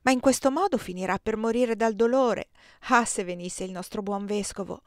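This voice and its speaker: A woman's voice: mid-range voice, normal speed, no echo, studio quality, close to an everyday voice. A woman reading the lines of an anxious young girl in an audiobook. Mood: wondering.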